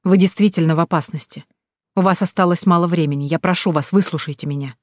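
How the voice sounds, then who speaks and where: A woman's voice: on the low side, fast talker, dry recording, clean studio sound, close to an everyday voice. A woman voicing an insistent fortune teller who pleads urgently.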